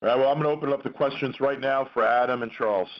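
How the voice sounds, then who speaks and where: A man hosting a press conference call, introducing speakers in a halting, measured way over a conference phone line. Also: mid-range voice, steady tone. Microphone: telephone conference call.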